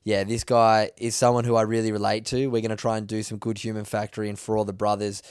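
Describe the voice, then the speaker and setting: An upbeat man hosts a casual podcast interview, chatty and friendly in tone. His voice sits fairly low. The sound is dry and close, with no room echo. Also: little pitch movement, fast talker, a little mellow, clear, resonant tone. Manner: upbeat, chatty, says mate a lot. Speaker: podcast host. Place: indoors, travelling in New Zealand.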